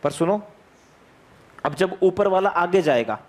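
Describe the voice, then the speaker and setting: High-voiced energetic male physics teacher. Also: a little slow. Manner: repetitive, calls on students, asks questions. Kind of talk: energetic classroom lecture. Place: classroom.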